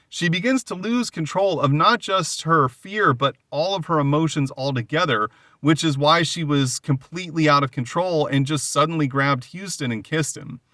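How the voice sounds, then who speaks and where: A man's voice: a little high, pushed and bright, no room sound, clean studio sound. A man hosting a podcast, casually retelling a comic book's story and loosely paraphrasing what the characters say. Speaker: podcast host. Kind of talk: casual comic book recap.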